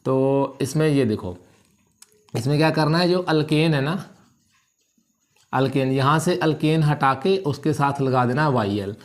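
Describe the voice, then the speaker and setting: A man's voice: mid-range voice, unhurried, long pauses. A male chemistry teacher with a Punjabi accent, lecturing at a board and drilling each point by asking a question and then answering it himself.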